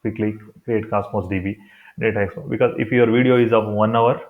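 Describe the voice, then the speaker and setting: A thin, phone-like recording carries a man's fairly low voice. He speaks English with a Kannada accent from India. He walks through software steps informally, improvising and repeating himself as he explains. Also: steady tone, brisk. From Karnataka, India. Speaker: tutorial presenter. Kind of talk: unscripted step-by-step screen tutorial. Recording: thin, phone-like narrow-band sound.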